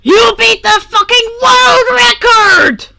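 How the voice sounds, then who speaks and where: A woman's voice: very high-pitched, slow, pitched above the performer's own voice, heavily acted. Woman voicing a cranky swearing young villain. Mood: screaming. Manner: gruff, swearing, loud. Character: irritable foul-mouthed young male villain gamer. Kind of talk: podfic character voice.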